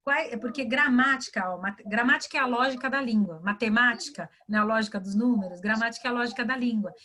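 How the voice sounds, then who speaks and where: A Brazilian woman with a fairly high voice appears as a guest career and English mentor in an online webinar, explaining things in a lively, quick-paced chat. She acts out little dialogues and keeps checking in with her listeners, and the audio comes through a video call.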